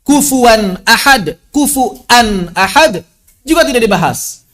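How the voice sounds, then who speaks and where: A man's voice: extremely high pitch, animated, slow pace, a bit bright. A man teaching an online lesson on Quran recitation over a video call. He repeats his key phrases and mixes formal explanation with casual asides. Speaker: religious teacher.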